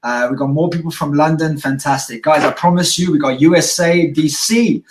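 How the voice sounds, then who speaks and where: A man hosting a live-stream interview, talking with high energy and reading out viewer check-ins. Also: fairly quick, reverberant, far from the mic, low-quality recording. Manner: high-energy, excitable, reads out viewer comments. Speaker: interviewer, live show host.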